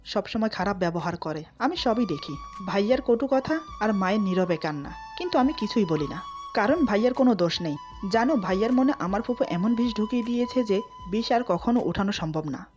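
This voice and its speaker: A woman voicing a gentle young sister-in-law. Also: mid-range voice, animated, brisk, lo-fi sound, faint music behind, close to an everyday voice. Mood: soft.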